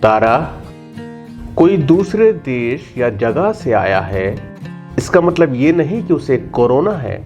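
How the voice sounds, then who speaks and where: A man voicing a gentle, patient father who soothes and kindly explains things to his child. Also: medium pitch, very animated, slow, muffled recording, soft background music. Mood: reassuring.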